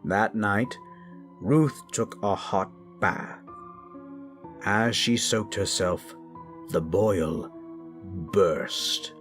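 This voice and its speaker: His voice is deep yet fairly bright in tone as he hosts and narrates scary stories. With theatrical, macabre relish, he moves back and forth between dramatic telling and musing commentary.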